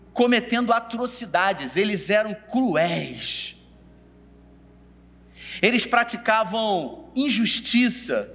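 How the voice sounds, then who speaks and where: A man's voice: sits high, a bit bright. A preacher telling a Bible story in a sermon, calling out to his listeners by name. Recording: long reverb of a hall.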